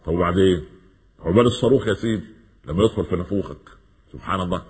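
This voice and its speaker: A male preacher with an Egyptian accent delivers a sermon at a rapid clip. His voice sits low and has a husky grain, and he drives his points home with quick rhetorical questions. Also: in a large hall. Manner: lively, rhetorical questions, mixes classical and colloquial Arabic.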